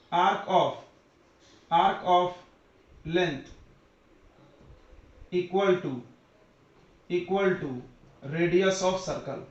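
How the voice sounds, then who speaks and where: A male physics teacher lecturing a class, quizzing his students and dictating definitions slowly, word by word. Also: sits high, a bit bright. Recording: roomy, distant, dull classroom recording.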